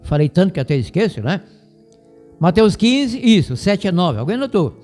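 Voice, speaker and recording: A high-voiced Brazilian man gives a Bible lesson over the radio, lecturing in a didactic, rambling way and repeating his points. His voice carries a long hall reverb, with faint music underneath. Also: sing-song, normal speed, darkish tone. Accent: Brazilian Portuguese. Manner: didactic, digressive, repeats himself.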